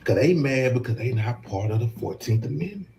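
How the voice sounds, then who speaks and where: A man on a podcast panel speaking emphatically, slowing down to drive his points home. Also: mid-range voice, expressive, a little mellow, a little hiss or hum.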